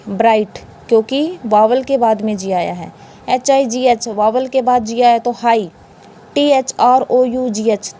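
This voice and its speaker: A woman's voice: a little high, warm tone, slight background noise. A woman with an Indian accent teaching English pronunciation in a classroom style. She spells words letter by letter and asks questions that she answers herself.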